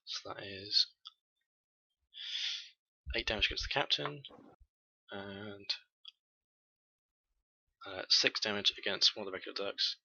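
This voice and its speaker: A man runs a tabletop game, talking through rolls and damage with many pauses and fillers. His voice sits low but sounds very bright and crisp. It is recorded dry and close. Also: no room sound. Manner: hesitant, full of fillers. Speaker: game master.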